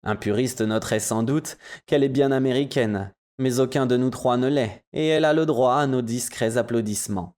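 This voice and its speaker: A man narrating an audiobook in a measured storytelling manner. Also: medium pitch, darkish tone.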